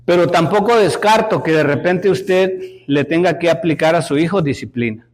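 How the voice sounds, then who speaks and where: Brief: middle-aged Mexican male Sunday school teacher, high voice, animated and questioning. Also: moderate pace. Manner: animated, repeats words, asks the class questions. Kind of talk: Sunday school lesson, preaching.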